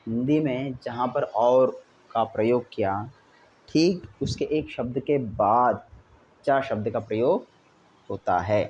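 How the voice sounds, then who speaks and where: A man teaching Sanskrit grammar to schoolchildren, reading each example sentence slowly and then giving its meaning. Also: mid-range voice, a little mellow. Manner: repeats each example with a Hindi gloss. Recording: dull lo-fi recording with faint hiss.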